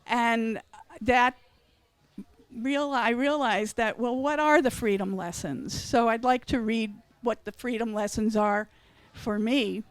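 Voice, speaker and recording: An older woman, a retired educator, talks about her book at an author expo. Her voice is smooth and clear, pitched a little high, and she reads in short, earnest phrases. The sound is close and dry. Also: slow pace, no echo, low-quality recording.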